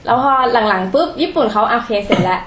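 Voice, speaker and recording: A woman guest in a casual interview, answering politely and often laughing softly. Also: on the high side, expressive, quick pace. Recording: echoey room, faint background noise.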